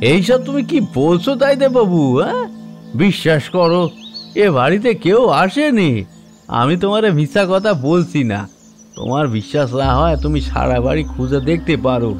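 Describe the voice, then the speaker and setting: A man's voice: sits high, sing-song, soft background music, heavily acted. A man doing an old rustic caretaker. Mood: bewildered. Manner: rustic village speech, slow and pleading. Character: elderly male village caretaker, humble and earnest. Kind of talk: audio drama acting.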